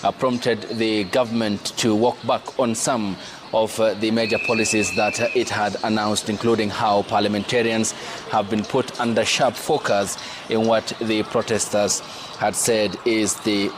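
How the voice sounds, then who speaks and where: Casting: Kenyan man as live TV news anchor, formal and measured, little pitch movement, noisy urban backdrop. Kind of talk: live broadcast news commentary.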